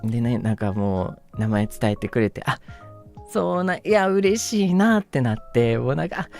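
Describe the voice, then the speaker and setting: A man's voice: mid-range voice, very animated, moderate pace, vocal fry, darkish tone, faint music behind. A man with a Kansai accent streaming casual chat to fans, rambling, gushing thanks and laughing often. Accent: Kansai Japanese. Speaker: virtual streamer.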